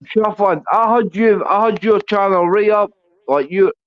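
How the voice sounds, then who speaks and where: A man's voice: sits high, a little slow, no echo. A man with a Glasgow street accent arguing on a livestream panel, confrontational and full of swearing. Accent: Glasgow Scottish. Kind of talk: heated livestream argument. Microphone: online panel call. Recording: dull lo-fi voice-call audio.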